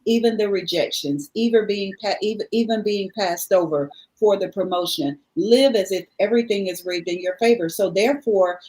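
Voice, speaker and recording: A woman's voice: mid-range voice, darkish tone, low-quality recording. A woman guest speaking earnestly in a reflective, motivational conversation, repeating favorite sayings for emphasis.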